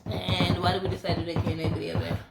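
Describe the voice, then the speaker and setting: A woman's voice: fairly low pitch, flat delivery, racing, vocal fry, heavy background noise. A woman in her late twenties co-hosting a casual home vlog, giggling and using lots of fillers. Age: 20s. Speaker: co-host. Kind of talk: casual couple Q&A chat. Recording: echoey room.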